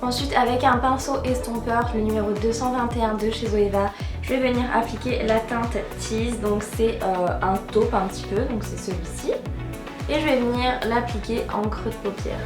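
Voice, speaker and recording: A woman's voice: a little high, fairly even intonation, moderate pace. A young woman giving a casual makeup tutorial as a beauty vlogger, chatty and full of fillers like "euh" and "donc voilà". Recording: roomy voice with loud background music. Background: background music.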